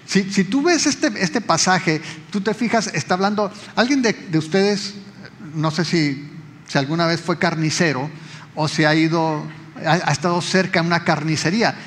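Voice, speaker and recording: High-voiced man preaching. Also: normal speed, fairly bright tone, in a large hall. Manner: conversational, explaining and addressing the congregation. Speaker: pastor. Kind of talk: sermon.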